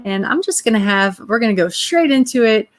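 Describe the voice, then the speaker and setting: A woman's voice: a little high, lively intonation, a little fast. A woman host asking friendly, easygoing questions in a casual interview.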